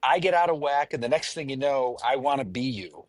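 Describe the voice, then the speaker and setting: A man's voice: mid-range voice, expressive, a little fast, dry recording. A man from the Pacific Northwest co-hosting a casual chat, rambling and self-mocking, often trailing off and restarting. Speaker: podcast co-host.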